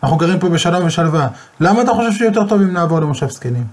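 A man voicing a meek, pleading old father in a told story, with a husky voice. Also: on the high side, lively intonation, darkish tone, pitched above the performer's own voice, lightly acted.

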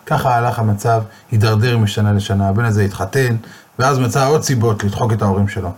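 A man telling a moral story in a lively, dramatic storytelling style. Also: fairly low pitch, a little hiss or hum. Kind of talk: storytelling sermon.

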